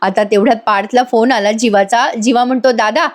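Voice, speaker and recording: A woman's voice: fairly high pitch, fairly even intonation, brisk. A woman recapping a TV serial episode in a voice-over, enthusiastic and speaking straight to viewers. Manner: enthusiastic, addresses viewers directly. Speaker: TV serial reviewer.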